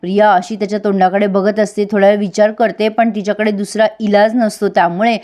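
A woman hosting a review channel, casually retelling a TV serial episode in a lively storytelling way. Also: mid-range voice, a little fast. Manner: lively storytelling, quotes characters' lines. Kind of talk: casual recap narration.

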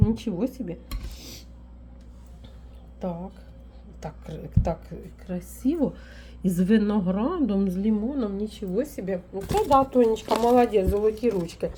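A woman from Ukraine, a folk witch vlogger, chatting warmly as she unpacks a parcel, full of fond diminutives. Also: fairly high pitch, a little hiss or hum. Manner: warm, doting, with many fond diminutives. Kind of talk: casual unboxing vlog.

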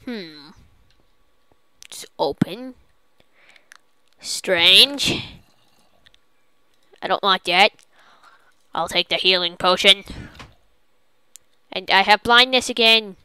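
A woman doing silly, excitable let's play commentary as she plays a game. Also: mid-range voice, drawn-out words, long pauses, clear, resonant tone, dry recording. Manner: silly, goofy, excitable, jokey. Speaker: gaming channel host.

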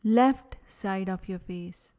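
In a soothing, calm manner, a medium-pitched woman leads a guided yoga nidra session. She keeps her phrases short and leaves long pauses.

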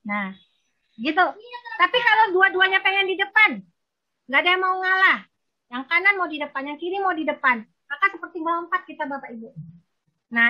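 Bright, high-voiced woman lecturing. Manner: lively, teasing, addresses the audience directly. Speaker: marriage counselor. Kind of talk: virtual seminar lecture. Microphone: video call.

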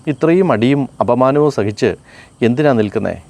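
A man reading aloud and voicing a caring young woman who asks anxious, gentle questions. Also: mid-range voice, lively intonation, moderate pace, vocal fry. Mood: concerned.

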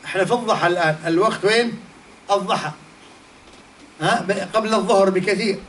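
A man's voice: sits high, fairly quick, fairly bright tone. A man giving a religious lesson, telling a story and firing off rhetorical questions. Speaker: Islamic teacher. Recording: distant mic, faint background noise.

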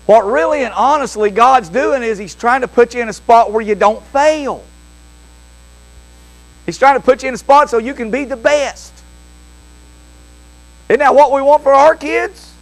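Older pastor, man, high tenor, folksy jokey storyteller in the pulpit. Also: moderate pace, long pauses, poor audio. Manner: homespun, jokey, lively delivery.

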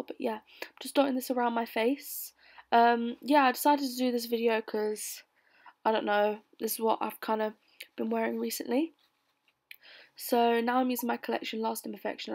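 A young adult British woman giving a casual makeup tutorial voice-over in a bored, low-energy way. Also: creaky, darkish tone. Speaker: beauty vlogger. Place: bedroom, voice-over recorded lying on bed.

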